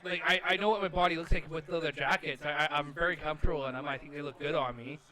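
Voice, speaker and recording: Game crowd noise from a wrestling video game runs beneath a gaming channel co-host's casual, rambling chatter, which is self-assured and full of filler words. He talks fast in a slightly high voice with a steady, sharp tone.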